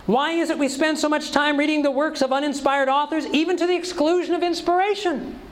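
Male preacher, very high-pitched, emphatic sermon delivery heavy on rhetorical questions. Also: fairly even intonation, a little fast, rough recording.

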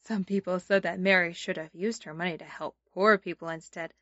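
A woman's voice: lowish voice, steady tone, fairly quick, a bit bright, dry recording, dull audio. A woman speaking as a Sunday school teacher, telling stories to small children and guiding them in simple phrases. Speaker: children's Bible lesson host.

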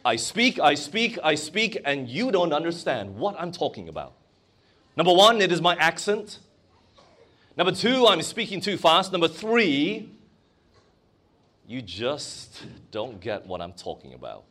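A male preacher delivers a sermon at an unhurried pace and keeps stopping to question his listeners. His pitch sits a little high and swings widely as he presses each point. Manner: lively, emphatic preaching with questions to the congregation. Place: church or conference hall.

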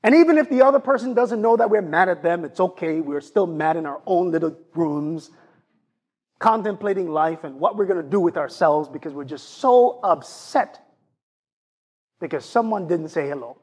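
Husky and darkish in tone, this fairly high-voiced Jamaican pastor speaks expressively at a moderate pace. His sermon poses rhetorical questions to the congregation and develops its argument as a list of ideas.

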